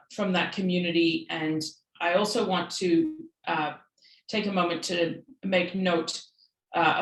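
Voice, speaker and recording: A woman from Peru giving a measured, thoughtful online talk over a video call, pausing softly with fillers. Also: low voice, echoey room, rough recording. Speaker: guest speaker.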